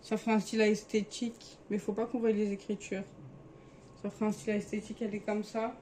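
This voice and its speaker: A woman's voice: fairly high pitch, dark tone, a little hiss or hum. A young woman casually showing her clothes in a vlog, chatty and sometimes hesitant as she searches for words. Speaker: vlogger.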